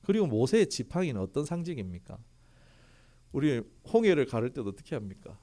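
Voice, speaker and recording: A man's voice: mid-range voice, a little fast. A male pastor preaching a sermon who keeps asking rhetorical questions and reads scripture aloud in a formal tone. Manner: lively, fires rhetorical questions at the congregation.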